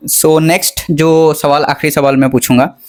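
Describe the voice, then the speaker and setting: A young man leads a relaxed interview with his fellow students. His voice sits fairly high, and he laughs easily as he talks and slips English phrases into his speech. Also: normal speed. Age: young adult. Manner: friendly, laughs often, mixes English phrases. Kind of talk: casual interview chat.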